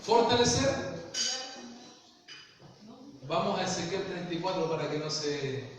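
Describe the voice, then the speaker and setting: A man's voice: a little high, lively intonation, a little slow, slight background noise. A man preaching a sermon as pastor, often putting questions to the congregation. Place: church hall. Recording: echoey hall from far off.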